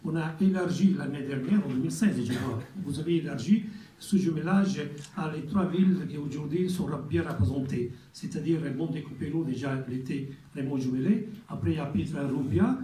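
A man with an Italian accent delivers a formal speech at a ceremony, pausing and repeating words as he goes. His voice is dark and slightly high, and it is heard from a distance in an echoey hall with faint noise behind it. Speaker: community representative giving a speech.

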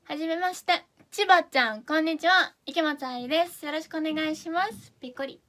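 High-pitched and fairly fast, a young Fukuoka idol chats through her livestream in a Hakata accent. She reads viewer comments in a bubbly, chatty way, occasionally softening into asides.

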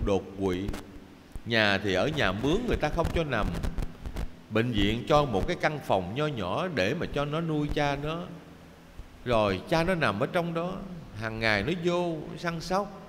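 Emotive Southern Vietnamese monk preaching. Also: male voice, medium pitch, big pitch swings, measured pace, a bit bright. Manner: emotive, addresses listeners as children. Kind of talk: Dharma talk storytelling. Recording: reverberant hall, faint background noise.

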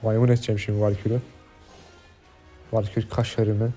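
A Turkish-accented man commentating his mobile game casually, cursing and yelling when frustrated. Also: on the low side, level tone, a little fast, faint music behind. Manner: swearing, yells in frustration. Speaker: gaming streamer.

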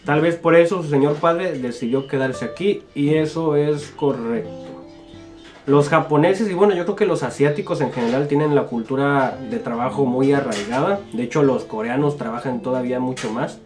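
In a small home studio, a young Mexican man in his twenties jokes around while answering viewer comments as a guest YouTuber. His voice sits in the mid range at a normal speed, with music playing in the background. He has a Mexican Spanish accent, laughs often, and keeps things informal.

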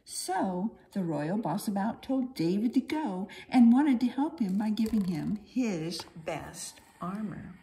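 With a warm, mid-range voice, this woman narrates a children's storybook slowly and with few pauses. She's animated throughout, giving it the expressive, sing-song flair a storyteller uses for little ones.

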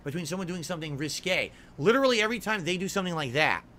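A man's voice: high-pitched, expressive, rapid-fire, bright, forceful tone. A man talking on a stream in a condescending, lecturing way, heard in played clips. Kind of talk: casual stream talk.

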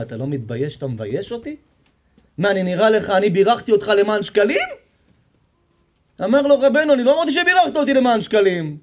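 A man preaches as a rabbi, his voice high and swinging widely in pitch as he acts out the people in his stories. He jokes, teases the listeners and questions them as he goes. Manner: animated storytelling, acts out characters, jokes and quizzes the audience. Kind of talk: sermon with storytelling.

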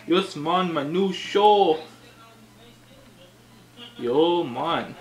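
A man voicing a laid-back male buddy who talks in Jamaican-style patois, slow and sing-song in a comedy skit. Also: on the high side, expressive, voice pushed up. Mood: boastful. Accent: Jamaican-style patois, put on.

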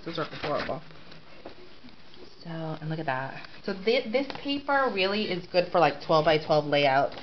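A deep-voiced crafting vlogger, congested and sniffling, gushes over craft paper she bought, repeating "so cute" and "I love it" in a casual haul show-and-tell. She films close-up on a handheld camera at home, and the lo-fi audio is dull with clear hiss.

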